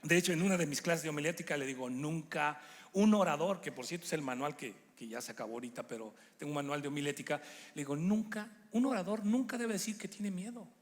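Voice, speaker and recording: A middle-aged man preaches from a church stage, his voice sitting a little high for a man. He talks with animation and slips into put-on voices for the people he quotes. The sound rings with the long reverb of a big hall. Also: fast talker. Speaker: guest preacher. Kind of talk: sermon.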